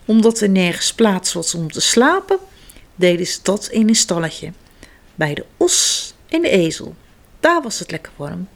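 A woman reading a children's picture book aloud, giving the characters their own voices. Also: medium pitch. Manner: lively, slow storytelling with voices for the characters. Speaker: storybook reader.

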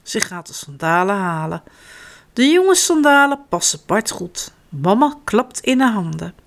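A woman reading a children's story aloud in a slow, expressive way. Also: medium pitch, vocal fry.

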